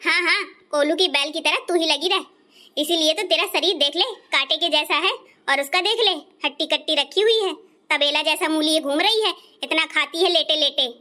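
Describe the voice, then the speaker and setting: Woman playing a loud old mother-in-law, scolds and shouts, very high bright voice, comedy skit. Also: normal speed. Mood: angry. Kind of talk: comic family skit.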